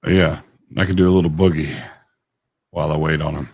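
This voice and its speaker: A man's voice: extremely low pitch, steady tone, a little fast, gravelly, a little mellow, breathy edge, dry recording, clean studio sound. A man hosting a casual interview show, talking informally and in a folksy way to guest and viewers.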